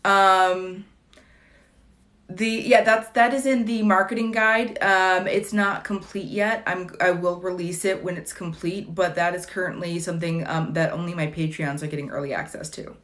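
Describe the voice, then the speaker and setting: A woman's voice: lowish voice, fairly even intonation, moderate pace, fairly bright tone. A woman in her late thirties chatting casually on a livestream, wry and digressive with dry jokes, answering viewer questions between fillers and restarts. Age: late 30s.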